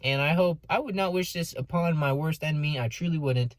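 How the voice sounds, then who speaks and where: Sitting in a car, a young American man vlogs a personal story in a casual way, leaning on dramatic emphasis and sarcastic asides. His pitch is fairly high and he talks briskly; the recording sounds dry.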